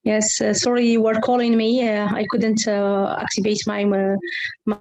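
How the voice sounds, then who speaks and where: A woman teacher from Morocco on a video call, loud, apologetic and halting. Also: medium pitch, little pitch movement, no room sound, low-quality recording. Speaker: teacher panelist.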